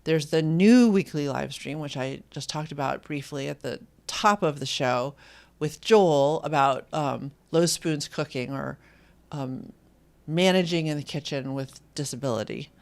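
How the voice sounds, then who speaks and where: A host in their fifties, from Indiana, chatting casually on a live stream and reading viewer comments aloud, with frequent pauses and ums. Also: mid-range voice, vocal fry. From Indiana, USA. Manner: rambling and hesitant, with many ums, reads viewer comments aloud.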